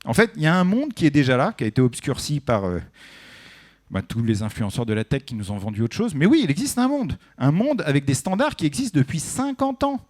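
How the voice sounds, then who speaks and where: A man's voice: fairly high pitch, sing-song, a little fast. A man giving a conversational technical talk at a conference, often asking the audience questions. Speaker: conference speaker. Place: conference room.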